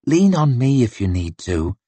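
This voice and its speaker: A man's voice: medium pitch, very animated, measured pace, dark tone, breathy edge, dry recording. A man voicing a blunt, sardonic young woman. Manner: dry, mocking.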